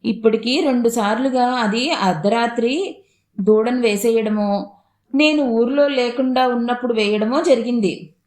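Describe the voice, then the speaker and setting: A woman's voice: fairly high pitch, a little slow, a little mellow, reverberant, lightly acted. A woman voicing a bustling, devout older mother-in-law.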